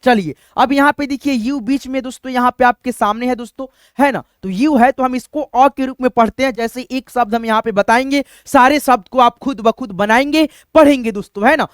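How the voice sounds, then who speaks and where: A man's voice: very high-pitched, brisk, few pauses, smooth, dry recording, studio quality. A male teacher giving a step-by-step English pronunciation lesson, with a repetitive, patient way of explaining. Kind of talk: Hindi-language English lesson.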